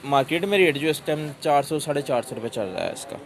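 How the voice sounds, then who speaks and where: A man's voice: a little high, expressive, quick pace, a little hiss or hum. A man with a Pakistani Urdu accent working as a shopkeeper, politely listing his tools and their prices for a vlogger. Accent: Pakistani Punjabi-inflected Urdu. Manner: polite, calls the vlogger "sir ji", lists prices. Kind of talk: sales pitch to a vlogger. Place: tool shop in a market.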